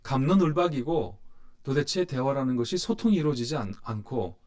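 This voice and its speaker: A man's voice: medium pitch, animated, brisk, darkish tone. A man teaching a church Bible study, retelling the story expressively and posing rhetorical questions to his class.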